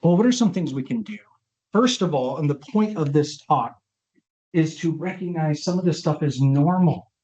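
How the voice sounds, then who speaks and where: In a conversational lecture with audience questions, a man speaking as a neuropsychologist often checks that listeners are following. His voice is fairly high and darkish, with lively intonation and a moderate pace, heard in roomy, dull lo-fi online audio.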